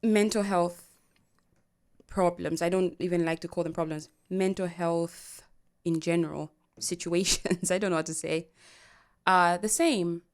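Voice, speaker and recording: A woman co-hosting a podcast in casual chat, animated and laughing often as she talks. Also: fairly low pitch, measured pace. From Africa. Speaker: podcast co-host.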